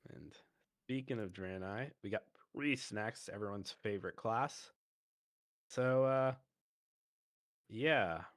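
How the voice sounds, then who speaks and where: A man's voice: lowish voice, takes it slowly, pauses often, a bit bright. A man hosting a podcast, talking through card games in a thoughtful, casual way. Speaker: podcast host.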